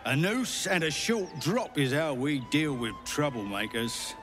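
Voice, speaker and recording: A stern city guard from a video game, speaking slowly with clipped, menacing warnings. His voice sits at a mid pitch, and soft music plays under him. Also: big pitch swings. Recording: game audio with music behind.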